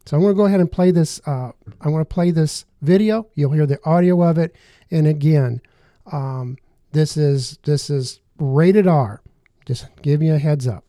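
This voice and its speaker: An earnest male talk-show host with a mellow, somewhat higher voice. He talks his listeners through the subject with many fillers and restarts. The sound is dry and close. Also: moderate pace, no room sound.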